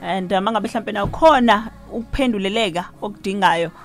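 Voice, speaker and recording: A woman's voice: mid-range voice, fast, faint music behind. A woman with a Zulu accent presenting a radio show as its host.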